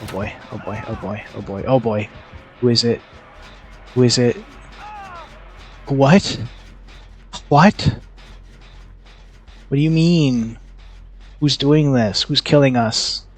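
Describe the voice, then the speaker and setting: Slow-talking man streaming a game. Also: medium pitch, fairly even intonation, breathy edge, faint music behind. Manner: chatty, reacts loudly and reads chat aloud. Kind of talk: live gameplay commentary.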